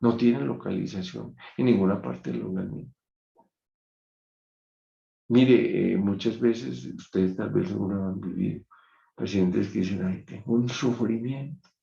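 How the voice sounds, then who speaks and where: A man giving an online lecture, measured and reflective, telling an anecdote. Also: lowish voice, creaky, mellow. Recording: dull muffled sound in an echoey room.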